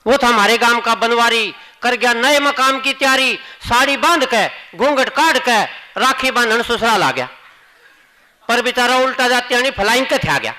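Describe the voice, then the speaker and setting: A man's voice: extremely high pitch, moderate pace, pushed and bright, poor audio. A man with a Haryanvi accent reciting comic poems on stage, playfully repeating his punchlines for the audience. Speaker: comic poet. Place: stage at a poetry gathering.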